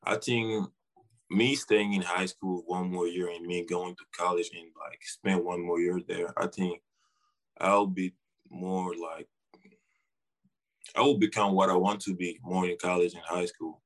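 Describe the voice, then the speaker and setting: A man's voice: sits low, level tone, unhurried, low-quality recording. A young man with a Senegalese accent giving short, informal, slangy answers as a guest in a casual interview. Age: young adult. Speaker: interview guest, basketball player.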